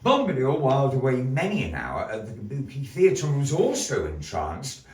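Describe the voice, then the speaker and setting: At a live gallery performance, a man hosts a puppet show as a grandiose, old-fashioned showman, theatrically telling stories to the audience. His mid-range voice swings hugely in pitch at a moderate pace. The distant mic picks up a roomy sound and background noise.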